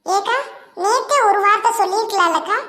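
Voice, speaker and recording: A sharp, high-pitched cartoon sister-in-law with a quick temper who protests indignantly, voiced by a woman. She argues back hard.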